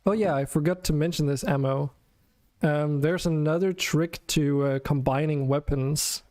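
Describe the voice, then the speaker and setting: A man's voice: fairly high pitch, normal speed, darkish tone, no echo. A man hosting a game stream, chatting casually and thinking aloud with some hesitation. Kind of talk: casual chat while playing a game.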